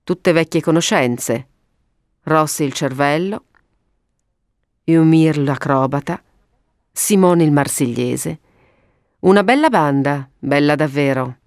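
A woman voicing an excitable male police inspector who exclaims in loud, raised outbursts. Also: low voice, slow, pauses often, no room sound, studio quality. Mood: smug.

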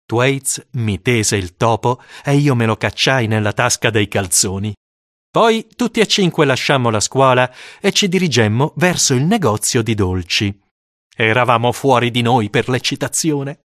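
A man narrating a first-person story for an audiobook, with dramatic, expressive storytelling. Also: medium pitch, measured pace, no room sound, studio quality.

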